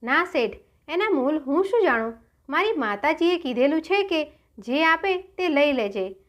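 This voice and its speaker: A woman's voice: high-pitched, big pitch swings, a little slow, a bit bright, voice pushed up, full character voice. A woman reading a folk tale aloud, voicing a humble young woodcutter boy who speaks simply and respectfully.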